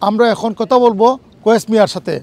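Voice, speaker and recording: A male reporter reads a news script in a formal, clipped delivery. He races through it at a very fast clip, his voice pitched high for a man. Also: steady tone, a little mellow. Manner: rapid, formal, reading a script.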